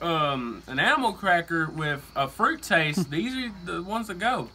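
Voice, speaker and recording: A young man, commenting in a laid-back, drawn-out way while tasting snacks. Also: a little high, expressive, sharp tone. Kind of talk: casual chat. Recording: faintly noisy home recording.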